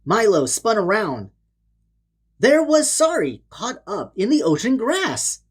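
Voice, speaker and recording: Slowly and dramatically, a storybook narrator reads to children in an expressive, theatrical style. She has a husky, medium-pitched voice marked by huge pitch swings.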